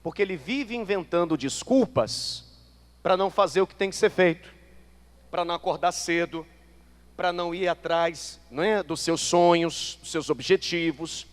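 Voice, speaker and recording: A man preaching a sermon as pastor, animated, asking the congregation rhetorical questions and acting out their excuses. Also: high-pitched, moderate pace, long reverb tail. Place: church.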